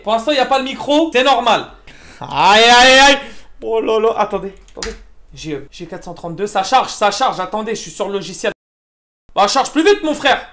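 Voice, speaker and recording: Tired, excitable young man streaming. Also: high voice. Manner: excitable, slangy, groaning exclamations. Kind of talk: casual live-stream chat.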